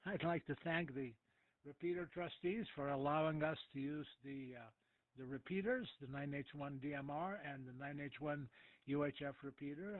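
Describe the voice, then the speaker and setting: A man hosts an amateur radio net in an unhurried, halting way, often stopping to gather his thoughts. His slightly high voice comes through a thin, tinny radio transmission with a close, dry sound and no room around it. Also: no room sound. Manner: easygoing, hesitant, many filler pauses. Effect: narrow two-way radio transmission. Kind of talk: casual on-air radio net chat.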